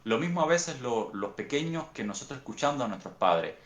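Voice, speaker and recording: A young Cuban man with a Cuban accent talks through his answers in an unhurried, reflective way, often circling back to restart a phrase. His voice sits at an ordinary middle pitch. It carries a noticeable roomy echo. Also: very animated. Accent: Cuban Spanish. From Cuba. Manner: thoughtful, unhurried storytelling with frequent restarts. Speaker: guest author.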